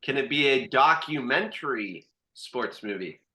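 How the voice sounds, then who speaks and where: A young man in casual podcast talk with his brothers, thinking out loud with many restarts. His voice is bright and forward at a middle pitch. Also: expressive, unhurried, poor audio. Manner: rambling, hesitant, laughs along. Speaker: podcast co-host. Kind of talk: casual chat among brothers.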